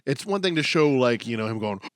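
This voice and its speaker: A man's voice: mid-range voice, animated, fairly quick, dry recording, studio quality. A man co-hosting a podcast, joking and laid-back in casual movie chat, with many fillers. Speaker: podcast co-host.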